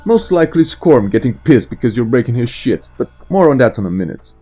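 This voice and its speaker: Male game lore narrator, scripted storytelling, irreverent, highly varied pitch, husky dark tone, dull recording, soft background music. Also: big pitch swings, fairly quick. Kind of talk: scripted narration with joking asides. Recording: muffled voice over faint music.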